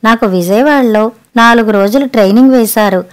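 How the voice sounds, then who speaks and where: A woman's voice: a little high, normal speed, clean tone, lightly acted. A woman voicing a friendly young man visiting his older sister and asking after her. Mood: concerned. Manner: concerned, friendly. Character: caring young adult younger brother.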